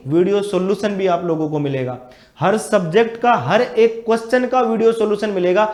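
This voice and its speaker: A man teaching exam strategy in an energetic, repetitive way, often calling his viewers brothers and friends. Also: high voice, reverberant. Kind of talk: exam strategy lesson with batch promotion.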